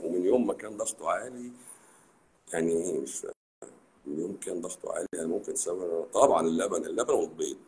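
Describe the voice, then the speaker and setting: Egyptian guy doc on a live stream, quick and teasing, echoey room. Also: low-pitched, a little hiss or hum. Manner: sarcastic, animated, teasing. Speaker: doctor hosting a live stream. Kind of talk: casual live stream talk. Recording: roomy echo.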